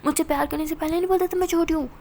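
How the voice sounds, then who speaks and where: A woman's voice: very high voice, steady tone, rapid-fire, background noise, voice pushed up. A woman voicing a stubborn, sulky young woman in a love story, talking in a pouting, insistent way.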